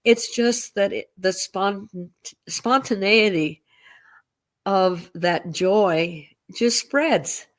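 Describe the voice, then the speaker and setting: A woman's voice: medium pitch, drawn-out words. A woman co-hosting a casual chat, speaking reflectively and often repeating words as she gathers her thoughts. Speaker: co-host.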